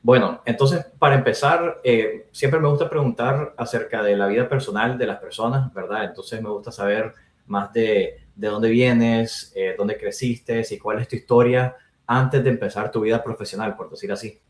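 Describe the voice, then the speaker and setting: Upbeat podcast host in a roomy space. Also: male voice, medium pitch, steady tone, normal speed. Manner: upbeat, with many fillers like "o sea" and "eh". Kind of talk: casual interview hosting. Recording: roomy echo.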